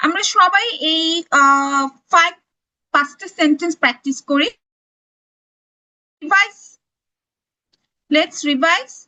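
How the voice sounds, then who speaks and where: A woman's voice: extremely high pitch, takes it slowly, long pauses, sharp tone, low-quality recording. A woman with a Bangladeshi accent teaching children phonics, carefully enunciating each word and explaining in Bengali. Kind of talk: slow, deliberate phonics lesson for children.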